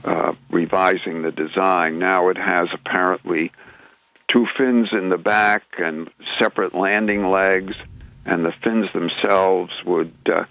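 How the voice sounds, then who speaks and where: A man's voice: deep voice, steady tone, unhurried, gravelly, fairly bright tone, no room sound, muffled recording. A man co-hosting a radio talk show, explaining the news in a rambling way full of restarts and filler sounds. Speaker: radio show co-host presenting news segments. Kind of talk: casual radio chat.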